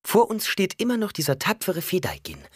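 A man's voice: high voice, wildly swooping pitch, brisk, husky, no room sound, clean studio sound, voice pushed up, exaggerated voice. A man doing a haughty young ruler woman. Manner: haughty, defiant. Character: young ruthless regent woman, defiant.

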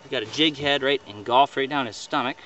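A young fishing guide from northern Ontario sits in a boat on a lake, showing off his catch and chatting upbeat to a camera held by a companion a few feet away. His mid-range voice is fairly quick and fairly bright, sprinkled with fillers like "right" and "you know." The audio is dull, distant outdoor camera sound with noise.

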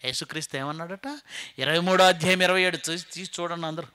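A middle-aged man preaching a sermon, firing rhetorical questions and swinging from loud exclamations to quiet asides. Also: fairly high pitch, steady tone, fast talker, clean tone.

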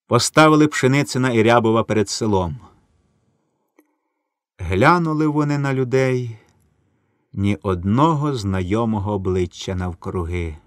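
A man giving a solemn, measured literary reading of a wartime story. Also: mid-range voice, dry recording, studio quality. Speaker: narrator.

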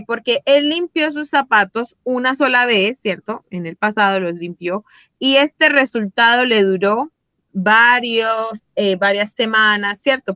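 A woman's voice: on the high side, sharp tone, no echo. A woman English teacher, giving an online class and patiently checking in with her students. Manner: patient, checks in often with questions.

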